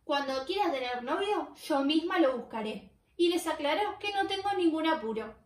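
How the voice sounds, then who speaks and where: A woman voicing a bratty, stubborn young princess who talks back loudly and defiantly. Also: a little high, animated, moderate pace, close to an everyday voice. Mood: indignant. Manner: defiant, loud and insistent. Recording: roomy, far from the mic.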